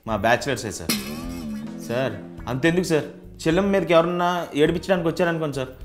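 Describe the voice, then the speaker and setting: A man's voice: a little high, fast, over music. A young man, a bachelor tenant, earnestly persuading a house owner in a comedy sketch, saying "sir" again and again.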